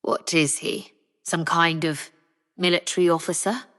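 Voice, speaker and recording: A woman's voice: lowish voice, level tone, unhurried, a bit bright, long reverb tail. Jinshi, a woman doing a sarcastic elegant courtier. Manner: sarcastic and smooth.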